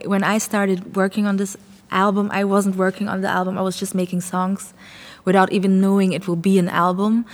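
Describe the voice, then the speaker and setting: A young German woman who is a singer and songwriter answers interview questions earnestly and thoughtfully, searching for her words. Her voice is medium-pitched, and the sound has a big-room quality.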